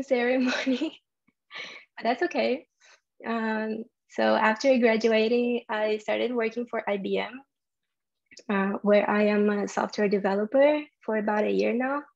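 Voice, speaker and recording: A woman's voice: mid-range voice, vocal fry, a little mellow, lo-fi sound. A young woman from Brazil with a Brazilian Portuguese accent, presenting a tech talk and explaining things with frequent ums and uhs. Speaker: software developer giving a conference talk.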